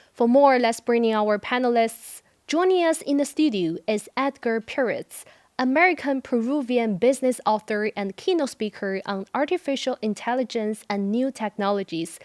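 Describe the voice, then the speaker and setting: A woman hosts a studio talk show in a clear, scripted way, her voice sitting a little high. The sound is dry and close, with no room in it. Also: a little mellow, no echo. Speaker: host.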